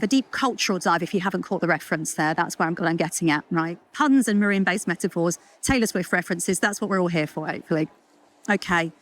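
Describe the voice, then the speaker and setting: A woman giving a chatty, lively conference talk, full of jokes and asides. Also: medium pitch. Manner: lively, chatty, self-deprecating with puns and asides. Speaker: culture consultant speaker. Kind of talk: conference talk to a live audience.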